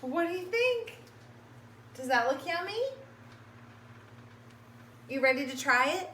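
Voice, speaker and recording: A woman's voice: high voice, big pitch swings, slow pace, pushed and bright, a little hiss or hum. A woman vlogger talking to her pets in a coaxing way, asking them lots of questions. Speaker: pet vlogger. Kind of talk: casual vlog talk to pets. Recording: roomy echo.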